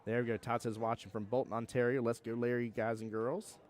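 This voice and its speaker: A man's voice: medium pitch, little pitch movement, a little fast, darkish tone. A young man from Georgia with a Southern accent, commentating a pool tournament on a live stream and chatting with viewers in a joking, laid-back way. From Georgia, USA. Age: young adult.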